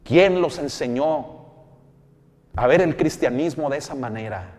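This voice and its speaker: A Mexican pastor preaching with emphasis, his mid-pitched male voice ringing with a long, lingering reverb. He keeps turning to his listeners as brother, pressing each point home. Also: expressive, a little slow, darkish tone. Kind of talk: sermon.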